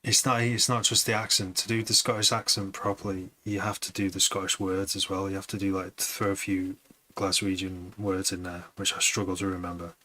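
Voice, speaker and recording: Deep, bright-voiced rambling man. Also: flat delivery, brisk, poor audio. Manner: rambling, hesitant, many restarts. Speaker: music producer streaming a session. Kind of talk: casual live-stream chat.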